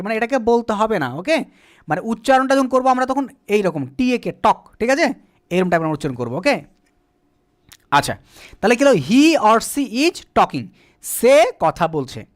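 A man teaching beginner spoken English at a board. His first language is Bengali. He keeps asking the class questions, answers them himself and spells words out letter by letter. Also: very high-pitched.

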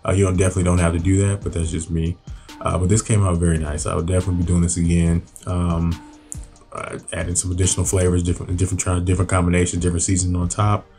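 A man with a very low, deep voice races through his grilled recipe at a very fast clip in a casual voice-over for his cooking channel. Soft music plays faintly underneath as he rambles loosely, restarting often and using lots of fillers.

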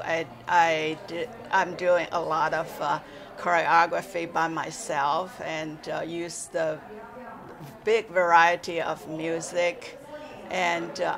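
In her sixties, this woman teaches exercise and has a slow, gravelly, low-pitched voice. Born in China and raised in Taiwan, she sits in an armchair in a library room for a casual interview, halting often with "uh" fillers and keeping her grammar simple.

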